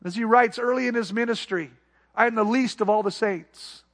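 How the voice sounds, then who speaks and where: A male pastor preaching a sermon to his church, building to emphatic peaks and dropping to quiet, soft asides. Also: sits high, normal speed.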